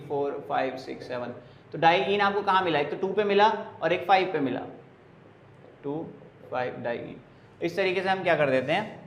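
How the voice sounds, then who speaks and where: A male chemistry teacher giving a classroom lecture step by step. He asks questions and answers them himself, counting carbons aloud. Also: a little high. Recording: echoey room with faint background hiss.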